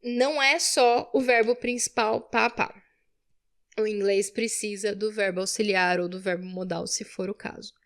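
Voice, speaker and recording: A woman's voice: mid-range voice, steady tone, normal speed. A woman teaching English grammar to Portuguese speakers, explaining patiently and checking understanding with frequent tag questions. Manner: explains patiently, tags phrases with "né?" and "tá?". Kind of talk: online grammar lesson.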